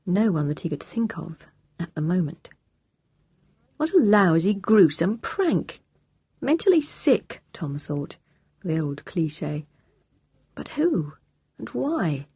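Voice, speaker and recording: A woman narrating an audiobook in a measured, steady reading. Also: fairly low pitch, husky, dry recording.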